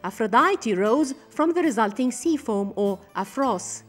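Woman narrator, documentary script, steady formal read, higher voice, faint music under. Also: measured pace.

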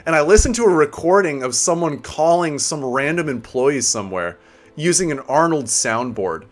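A man's voice: a little high, lively intonation, normal speed. A man streaming a game, chatting casually with viewers, laid-back, swearing and laughing often. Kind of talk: casual live-stream chat.

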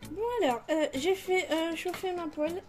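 Chatty high-voiced woman cooking at home. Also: a little slow, music in the background. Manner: chatty, many fillers, laughs at herself. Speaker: home cook vlogger. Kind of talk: casual cooking tutorial. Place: home kitchen.

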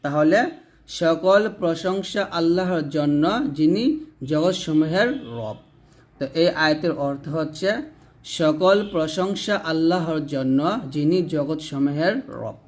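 Slow-chanting male recitation teacher. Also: a little high. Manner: spells words letter by letter, drawn-out chanting; explains rules briskly between slow recitations. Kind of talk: slow spelled-out recitation lesson.

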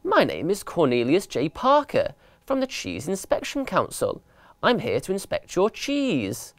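A man voicing a scheming mouse gang boss with a crisp, officious, commanding manner. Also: sits high, wildly swooping pitch, measured pace, no echo, pitched above the performer's own voice, exaggerated voice.

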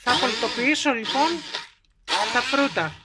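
A woman's voice: fairly high pitch, heavy background noise. Greek woman explaining a home recipe. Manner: calm step-by-step explaining. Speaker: cooking show host. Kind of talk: home cooking demonstration. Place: home kitchen.

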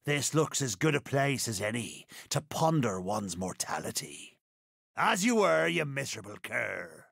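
Gravelly, swaggering pirate captain Barbossa. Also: male voice, mid-range voice, sing-song, unhurried, fairly bright tone, no room sound, studio quality, heavily acted. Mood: wry. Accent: theatrical West Country pirate. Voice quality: gravelly, raspy. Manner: theatrical, rolling archaic pirate phrasing. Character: gruff, swaggering, boastful older pirate captain. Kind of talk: video game character voice lines.

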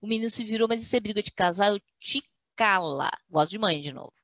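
A woman's voice: mid-range voice, rapid-fire, no room sound. A woman academic, telling stories in a webinar chat and acting out quotes in a firm motherly voice. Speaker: guest speaker, university academic. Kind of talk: webinar conversation, storytelling.

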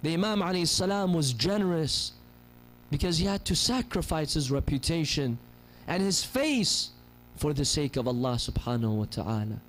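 Speaking into a stand-mounted gooseneck microphone from a pulpit chair in a mosque hall, this man in his thirties gives an impassioned, story-filled sermon, voicing the people he describes. His fairly high, somewhat bright voice has lively intonation and a moderate pace, captured in low quality.

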